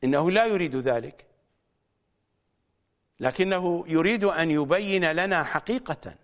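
A man preaching a religious sermon, stressing points by repeating phrases and stretching words out slowly. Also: fairly high pitch. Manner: slow, drawn-out words for emphasis. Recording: dull lo-fi recording.

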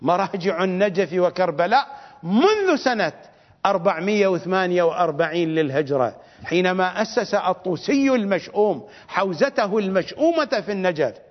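Fiery high-voiced Iraqi man preaching. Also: animated, a little fast. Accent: Iraqi Arabic. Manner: fiery, scornful, emphatic, repeats for stress. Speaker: cleric. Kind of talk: religious lecture. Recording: reverberant dull lo-fi recording.

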